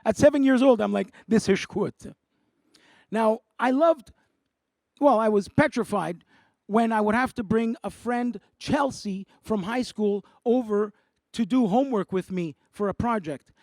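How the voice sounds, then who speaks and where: Stand-up, 40s, high, lively, gravelly edge. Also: male voice, measured pace, no room sound, clean studio sound. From Montreal, Canada. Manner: animated, jumps between voices and languages. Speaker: stand-up comedian. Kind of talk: stand-up comedy. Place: theatre studio.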